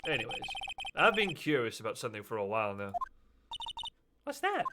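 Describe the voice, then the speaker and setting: A man's voice: medium pitch, wildly swooping pitch, fairly quick, heavy background noise. A man voicing a flamboyant, vain male stage magician in a fan game voice-over, drawling and calling people sweetie. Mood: smug. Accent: put-on Southern US when panicking. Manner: drawling, calls everyone sweetie.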